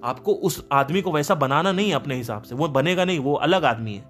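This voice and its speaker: Slightly high-voiced man telling stories. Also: animated, fairly quick, music in the background. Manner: emphatic, anecdotal, quotes people in their own voices. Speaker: podcast host and band leader. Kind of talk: casual storytelling monologue.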